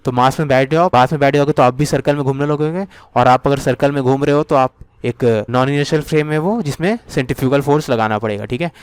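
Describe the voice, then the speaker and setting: A man giving an exam revision physics lecture in Hindi, reading English question text slowly and often checking in with his students. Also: medium pitch, smooth. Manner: checks in often with "theek hai na". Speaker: physics teacher.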